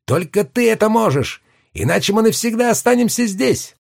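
Man voicing a small talking lion cub, boyish voice pushed high, ringing, a bit husky, insistent, storybook creature. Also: very animated, moderate pace, no echo, studio quality, full character voice. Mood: pleading. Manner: insistent, shouting demands.

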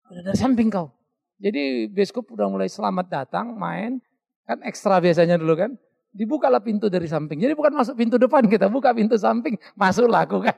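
Gravelly, animated pastor preaching. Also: male voice, high-pitched. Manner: lively storytelling, mimics voices, laughs at own stories. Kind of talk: sermon.

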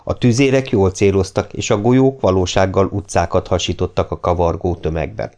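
A man narrating an audiobook in a steady, measured reading voice. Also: low voice. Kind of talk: scripted narration.

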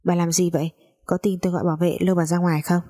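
A woman's voice: lowish voice, flat delivery, racing, warm tone, natural voice. A woman voicing a brash young man who teases and defies others in a cocky manner, in a storybook reading. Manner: cocky, teasing, defiant.

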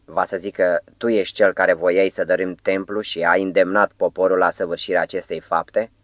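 A man's voice: deep voice, flat delivery, fairly bright tone, dry recording. A man reading an audiobook, voicing a sick, stern Roman governor in a faint, weary voice. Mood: cold. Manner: curt, cold questioning.

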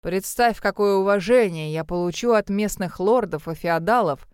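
A woman's voice: medium pitch, moderate pace, darkish tone, clean tone, no room sound, studio quality, lightly acted. A woman voicing an arrogant, scheming male ship owner who talks in a smug, domineering way. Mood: gloating. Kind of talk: audiobook character reading.

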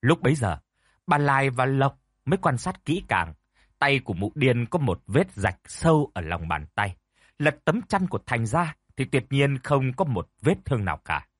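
A man's voice: medium pitch, no room sound, studio quality. A man narrating a scripted ghost story in a dramatic, suspenseful way.

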